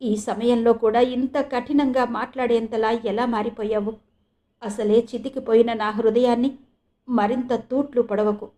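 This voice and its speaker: A woman's voice: steady tone, measured pace, warm tone, lightly acted. A woman voicing a distraught young mother who cries and pleads, from an audio novel. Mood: anguished. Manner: tearful, pleading, high-strung.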